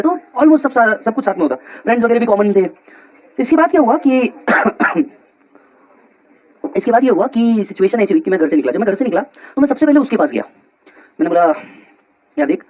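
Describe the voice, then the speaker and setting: A man teaching exam students, telling a personal story in an animated, slangy, joking way. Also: high-pitched, highs cut off. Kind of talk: motivational storytelling lecture to students.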